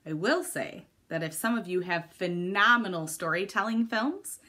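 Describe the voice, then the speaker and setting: A woman's voice: fairly low pitch, normal speed, pushed and bright. A woman teacher giving a recorded video lesson to middle schoolers, explaining step by step in an upbeat, encouraging way.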